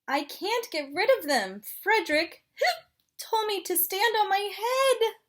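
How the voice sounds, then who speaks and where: A woman voicing a young penguin in a storybook read-aloud, excitable and polite, frustrated by hiccups, addressing children like a kids show host. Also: very high voice, takes it slowly, pitched above the performer's own voice, exaggerated voice. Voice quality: speech broken by gasping hiccups.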